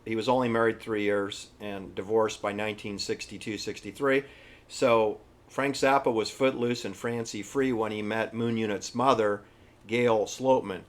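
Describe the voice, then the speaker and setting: A man giving informal, opinionated history commentary in an emphatic, halting, repetitive manner. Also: on the low side, fairly even intonation. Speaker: presenter. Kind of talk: informal conspiracy-history commentary over pictures.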